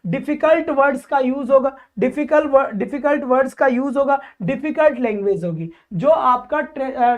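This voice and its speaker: A woman teacher giving an exam-prep lecture. She asks questions and answers them herself, and keeps calling her students "child" affectionately. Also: high voice. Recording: dull lo-fi recording.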